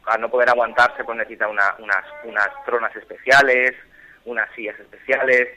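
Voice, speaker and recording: A man in his thirties with a Spanish accent from Barcelona speaks earnestly as a radio caller. His voice is bright and forward, and he stops and restarts often as he finds his words. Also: medium pitch, fairly even intonation, fairly quick, rough recording. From Spain. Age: 30s. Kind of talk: phone-in interview.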